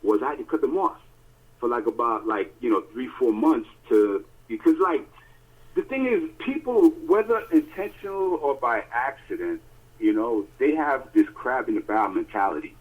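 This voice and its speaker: A man with a medium-pitched voice at normal speed co-hosts a podcast through a tinny phone line. He narrates stories with animation and emphasis, casually and with lots of fillers.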